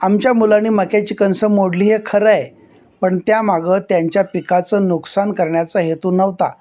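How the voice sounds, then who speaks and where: A humble village father, voiced by a male storyteller, speaks calmly and apologetically with folded-hands politeness. His voice is fairly high and mellow. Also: moderate pace, lo-fi sound, lightly acted.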